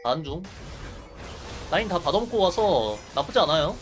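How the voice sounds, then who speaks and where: A man's voice: a little high, sing-song, moderate pace, music in the background. A man livestreaming casual gameplay commentary, reacting in short muttered exclamations and asides into a close mic.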